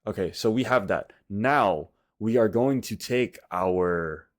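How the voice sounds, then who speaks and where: A man's voice: lowish voice, takes it slowly. A man in his twenties with a slight lisp from wearing a retainer, giving a casual coding tutorial in informal, slangy, broken phrases. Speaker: tutorial host.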